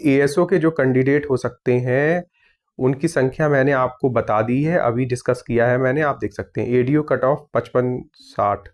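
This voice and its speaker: This young man, who runs an exam news channel, has a mid-range, darkish voice. He goes through viewer comments one after another, reading each aloud and answering in a casual but firm way, saying "theek hai" a lot.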